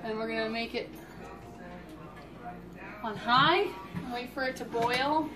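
A woman's voice: a little high, measured pace, music in the background. A woman cooking in a home kitchen, patiently explaining each step to young children. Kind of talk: casual instructions to children.

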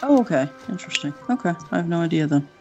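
A woman chatting while learning a game with friends, hesitant and puzzled, in a soft-spoken way. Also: fairly low pitch, animated, rapid-fire, highs cut off, soft background music. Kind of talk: casual gaming chat.

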